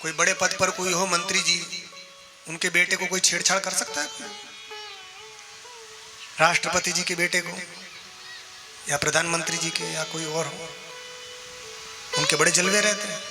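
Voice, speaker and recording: A man's voice: high-pitched, fairly even intonation, moderate pace, pauses often. A man telling a devotional story as a sermon, narrating dramatically and acting out the voices of the characters. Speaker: religious storyteller. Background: devotional music.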